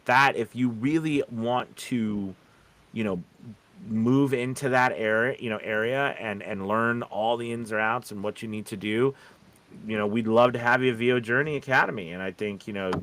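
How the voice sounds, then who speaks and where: A man's voice: mid-range voice, a bit bright. A man hosting a casual live stream, talking in a rambling way and often checking in with "you know" and "right". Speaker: live show host.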